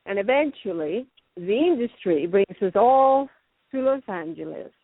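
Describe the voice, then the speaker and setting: This guest actress, middle-aged and raised between Venezuela and Canada, is animated and a little slow in a medium-pitched voice. She rambles and laughs often during a casual interview chat. The recording is dry and sounds like a tinny phone line.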